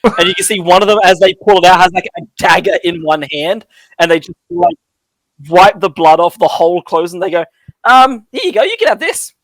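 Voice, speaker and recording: A man's voice: high-pitched, fairly even intonation, brisk, dry recording. A man narrating as dungeon master, rambling with many fillers, on a call mic. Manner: rambling, lots of "like" and "um". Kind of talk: narrating a tabletop game.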